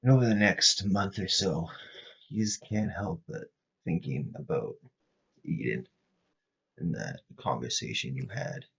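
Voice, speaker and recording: A man runs a tabletop game, improvising narration. His voice is deep and extremely rough, with heavy fry, and the recording is a touch dull. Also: unhurried, pauses often, fairly bright tone. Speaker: game master.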